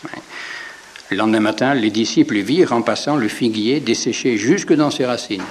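A man's voice: medium pitch, normal speed. A man preaching in an informal, conversational way, retelling a scripture story with frequent asides and repeated words. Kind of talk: informal sermon retelling the Gospel.

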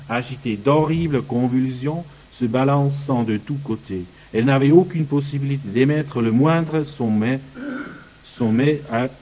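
A man reads passages from a book and breaks off to explain them in his own words. His delivery is halting, with frequent pauses while he searches for the right word. His voice sits at an ordinary pitch for a man. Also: warm tone, poor audio. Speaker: speaker commenting on a book. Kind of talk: reading passages aloud and commenting.

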